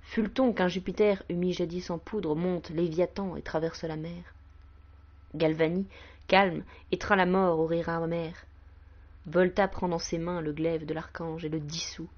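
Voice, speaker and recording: A woman voicing Man himself, a proud and boastful male spirit, in a solemn recited poem. The voice sits very low for a woman and is delivered in measured, declamatory lines. The recording is dull and lo-fi. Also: steady tone, a little mellow. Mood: proud, exalted. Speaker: poetry reader. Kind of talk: poetry recitation.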